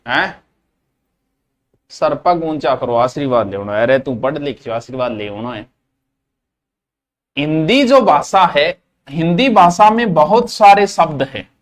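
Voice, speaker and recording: A man's voice: a little high, big pitch swings, measured pace, pauses often. A middle-aged man with a Rajasthani accent giving a casual, jokey classroom lecture, slipping into Marwari asides. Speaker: teacher.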